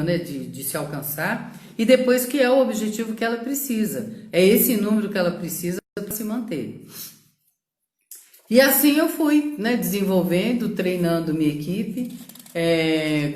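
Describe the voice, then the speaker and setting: With a lowish voice in a reverberant space, a middle-aged woman from Brazil's São Paulo state talks through her own career in a casual live social media session. Her delivery is reflective and full of fillers and tag questions.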